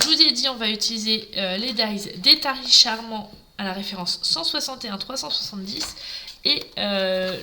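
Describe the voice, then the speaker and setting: A woman's voice: a little high, background noise. A woman from Normandy leading a live papercraft tutorial, chatting and greeting viewers by name as she works at her craft table. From Normandy, France. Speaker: craft demonstrator.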